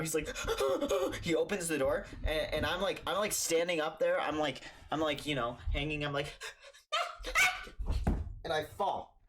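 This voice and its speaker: A man's voice: a little high, a bit bright, a little hiss or hum. A young man telling a childhood story for a storytime vlog, rambling and stammering with lots of fillers.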